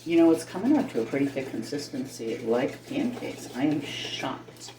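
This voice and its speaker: Speaking at a normal speed with an animated, rumbling low voice, a middle-aged woman rambles casually and thinks aloud while cooking at home. A camera a little way off picks her up indoors in the kitchen, and the audio is roomy and distant, with faint noise and kitchen clatter in the background.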